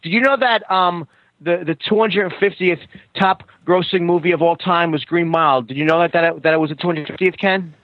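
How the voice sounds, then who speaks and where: A man co-hosting a podcast who calls in over a poor phone line that sounds like a payphone, asking deadpan questions and repeating his host's name before each one. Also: fairly high pitch, fairly quick, no echo. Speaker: podcast co-host. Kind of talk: deadpan running gag chat. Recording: dull lo-fi phone call.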